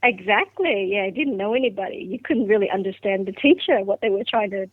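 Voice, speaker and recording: This podcast guest, a middle-aged Vietnamese scientist who grew up speaking Vietnamese, looks back on her journey into science, pausing with fillers and restarting sentences. She talks a bit quickly at medium pitch, and the dry, phone-like line has no room sound.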